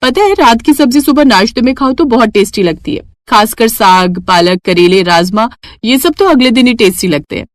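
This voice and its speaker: A woman voicing a gentle but firm young bride in a cartoon, speaking earnestly. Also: a little high, expressive, moderate pace, dry recording, close to an everyday voice. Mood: cheerful.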